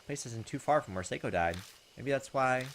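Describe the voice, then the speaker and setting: The host's medium-pitched voice carries lively intonation at a moderate pace as he chats his way through a video game, reading out its text and replying to it. Video game music plays behind him, with slight background noise.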